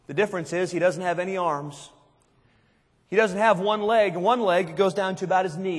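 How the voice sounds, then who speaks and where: A man preaching a sermon to a youth conference, emphatic, dropping low and quiet and then rising to shouts. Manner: emphatic, swings between hushed and shouted. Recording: long hall reverb.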